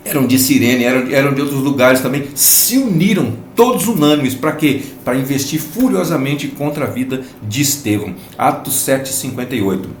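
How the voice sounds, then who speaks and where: A man's voice: medium pitch, reverberant, slight background noise. A man from Brazil teaching a Sunday school Bible lesson, explaining each point emphatically and repeating phrases for stress.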